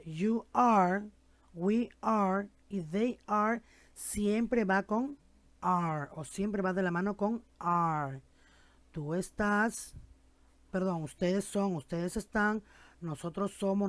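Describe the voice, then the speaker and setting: A woman teaching an English lesson in Spanish, speaking slowly and patiently, repeating phrases for students to copy and often checking they follow. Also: medium pitch, no room sound. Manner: checks understanding with frequent tag questions. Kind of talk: classroom language lesson.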